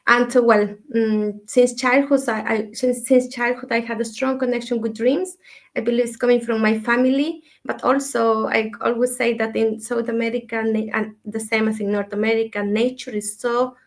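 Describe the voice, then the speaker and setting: Soft-spoken woman from Ecuador, flat tone. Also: a little high, moderate pace. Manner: soft-spoken, thoughtful, many fillers. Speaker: dream mentor, guest. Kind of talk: casual interview talk.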